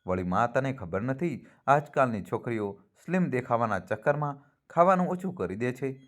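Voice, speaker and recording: A man's voice: medium pitch, expressive, moderate pace, close to an everyday voice. Young storybook husband, jokey and teasing, in a male narrator's own voice. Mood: joking. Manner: joking, teasing. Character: young husband, joking by day, harsh by night.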